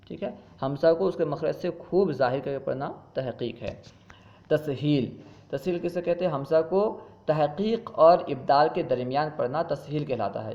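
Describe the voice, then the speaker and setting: A man teaches a Quran recitation lesson, explaining rules patiently. His voice sits a little high, and he stretches out the Arabic example words in a slow chant. The recording sounds dull and muffled. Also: vocal fry, a little mellow.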